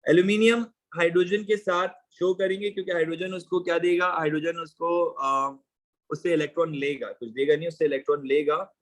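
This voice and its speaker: Male teacher with a fairly high voice, running a casual online chemistry class and mixing Hindi with English. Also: steady tone, fairly quick, poor audio. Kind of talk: live online class, explaining exam questions.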